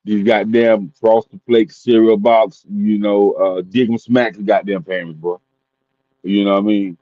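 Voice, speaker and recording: A man's voice: lowish voice, little pitch movement, unhurried, no room sound. Blunt man ranting, dry dull mic. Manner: blunt, profane, comic rants. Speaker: podcast co-host. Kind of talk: casual chat.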